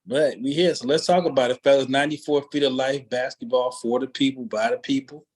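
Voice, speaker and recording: A man's voice: medium pitch, steady tone, a little fast, darkish tone, slightly rough, poor audio. A man hosting a casual basketball podcast chat, talking in a loose, conversational way and drawing out his phrases. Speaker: podcast host.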